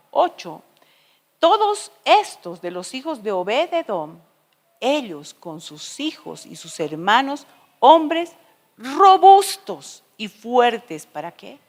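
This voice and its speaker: A woman preacher delivering a sermon, telling stories with dramatic shifts between loud and soft. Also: a little high, creaky, in a large hall. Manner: expressive storytelling with dramatic shifts in loudness. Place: church.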